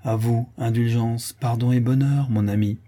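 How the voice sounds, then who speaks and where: A man reading an audiobook and voicing a tender, forgiving young woman singer who speaks softly and slowly. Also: lowish voice, breathy edge.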